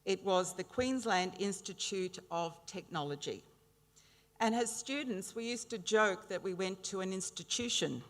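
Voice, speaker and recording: Speaking at a graduation in a big indoor hall, this middle-aged Australian woman delivers a formal ceremonial address at medium pitch. Her pace is measured and her stories are warm and funny, with the room's echo audible throughout.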